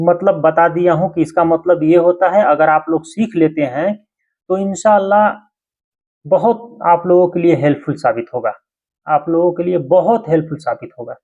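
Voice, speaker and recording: A man teaching simple vocabulary in a slow spoken lesson, repeating each word again and again with patient, deliberate delivery. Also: a little high, a little mellow, dull audio. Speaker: language teacher.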